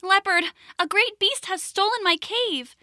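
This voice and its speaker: A small timid rabbit with a high, pleading voice, as a woman puts her on. The storybook creature sounds small and anxious. The sound is dry and close. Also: unhurried, sharp tone, dry recording, full character voice.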